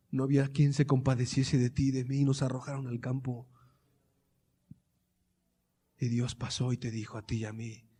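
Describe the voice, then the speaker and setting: A man preaching a sermon, moving between quiet, hushed teaching and loud, impassioned passages full of repeated rhetorical questions. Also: medium pitch, husky, big-room sound. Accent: Colombian Spanish.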